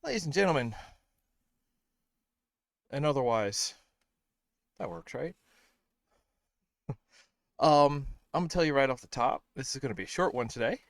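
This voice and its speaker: A man's voice: mid-range voice, lively intonation, normal speed, pauses often, no echo, studio quality. A tired man hosting a casual game stream from home, rambling with lots of fillers and sounding a bit out of breath. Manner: rambling, self-deprecating, many fillers. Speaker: streamer host. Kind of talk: casual livestream chat.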